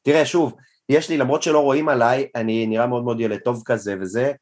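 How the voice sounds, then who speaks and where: A young man, a guest comedian, tells an anecdote in a casual, self-deprecating and animated way. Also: mid-range voice. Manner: animated, self-deprecating storyteller who acts out quotes. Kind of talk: casual storytelling in a podcast interview.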